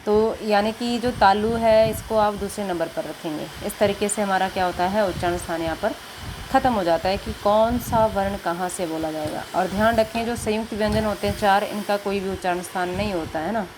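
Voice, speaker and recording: A woman's voice: mid-range voice, a little fast, noisy background. Patient woman teaching grammar to kids. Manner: patient, asks and answers her own questions. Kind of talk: Hindi grammar lesson for children.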